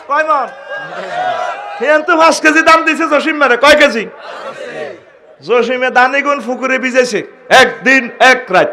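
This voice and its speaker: A man's voice: very high voice, noisy background. A man with a Comilla Bengali accent preaching a humorous Islamic sermon, chanting verses in a sing-song voice and calling out to the crowd. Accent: Comilla Bengali dialect. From Bangladesh.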